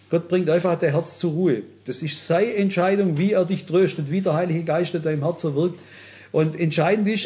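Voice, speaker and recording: A man preaches with earnest, direct appeals to his listeners. His voice sits a little higher than most men's. He keeps turning to the congregation as he explains his point. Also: darkish tone. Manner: earnest, addresses listeners directly, frequent "wisst ihr". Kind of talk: sermon.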